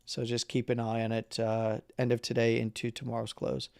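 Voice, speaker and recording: A man hosting a live market analysis stream who is losing his voice, talking casually through chart levels with halting fillers and the odd throat-clear. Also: medium pitch, monotone, a little mellow, no echo, studio quality. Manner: halting, with fillers and number readouts; clears throat and coughs now and then.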